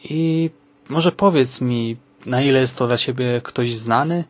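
A man's voice: mid-range voice, measured pace, no echo. Male podcast host in a dry studio sound. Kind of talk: conversational film podcast.

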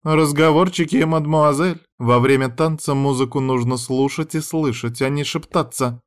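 A man voicing a strict, cold woman who teaches dance, scolding her pupils in a raised, sharp voice. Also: fairly high pitch, fairly even intonation, normal speed, voice pushed up, natural voice.

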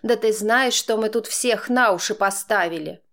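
A woman's voice: medium pitch, moderate pace, fairly bright tone, lightly acted. A woman voicing a brash, crude-spoken middle-aged aunt who scolds and mocks her niece in an audiobook. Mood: scolding. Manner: scolding and mocking, then soothing.

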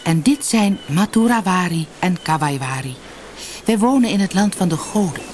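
A woman's voice: on the low side, animated, moderate pace, darkish tone, slight background noise, lightly acted. A woman reading the solemn message of a young man returned from the land of the gods in a fairy tale.

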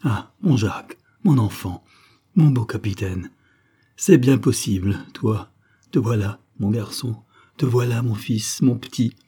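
A weeping old farmer father, tender and pleading, as a male reader puts him on. His voice lifts above a low, dark base, with a husky edge. It reads as a storybook elder. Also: measured pace.

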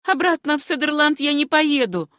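Brief: woman reading a desperate young heroine, high and strained, pleading and defiant. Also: expressive, normal speed, fairly bright tone, no room sound, studio quality. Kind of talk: audiobook character reading.

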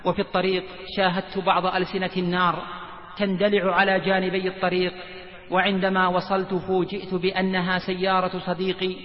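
A man preaching a sermon, retelling a story in an earnest, dramatic way with repeated phrases. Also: high-pitched. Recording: echoey, dull lo-fi hall recording.

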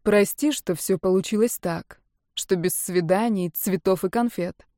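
A woman voicing a young man who speaks quietly and a little lower, wry and brooding. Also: lively intonation, moderate pace, dry recording, studio quality, lightly acted. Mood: rueful.

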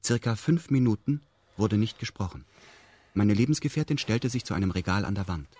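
A man with a fairly low, slightly mellow voice and a breathy edge narrates a radio drama in the first person, animated and a little fast. His manner is formal, detached and meticulous, recounting events with pedantic exactness. There is no echo.

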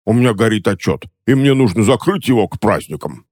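A man's voice: lowish voice, animated, brisk, a little mellow, no room sound, studio quality, voice pushed up. A man voicing a fat, irritable middle-aged bank clerk who answers curtly and suspiciously.

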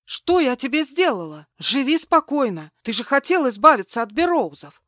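A woman's voice: high voice, sing-song, moderate pace, fairly bright tone, no echo, clean studio sound, voice pushed up. A woman narrator as a frightened pleading mother. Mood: tense. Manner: pleading, strained. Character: terrified young mother pleading for her child. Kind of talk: audiobook dialogue.

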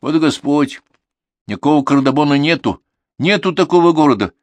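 A man's voice: a little high, expressive, brisk, no room sound, voice pushed up, lightly acted. Man voicing an insistent know-it-all schoolboy. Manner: insistent, lecturing. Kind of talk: audiobook character reading.

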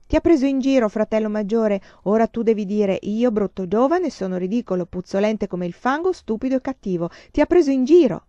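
A woman's voice: expressive, fairly quick, hardly any pauses, mellow, no room sound, dull audio, natural voice. Woman playing an eager little boy. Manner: pleading, impatient, high-pitched.

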